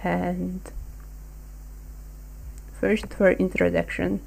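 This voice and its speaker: A young woman from Hungary chats slowly and hesitantly, filling gaps with ums. Her voice is low, mellow and gravelly, with a dark tone. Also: flat delivery, rough recording. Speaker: podcast co-host. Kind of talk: casual discussion.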